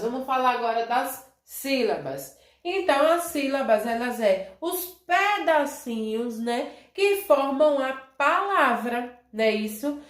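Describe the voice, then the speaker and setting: A Brazilian primary school teacher runs a review lesson for young children, her voice sitting high in a roomy-sounding space. She refers to herself as "tia," tacks "né?" or "certo?" onto almost every phrase, and stretches out syllables when modelling words.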